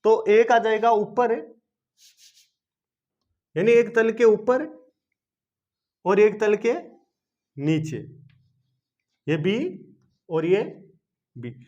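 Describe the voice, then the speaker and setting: High-voiced man teaching chemistry. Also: drawn-out words, long pauses, a little mellow. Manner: asks questions and answers them himself; repetitive, coaxing teaching. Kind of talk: classroom-style video lesson. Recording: dull lo-fi video lesson recording.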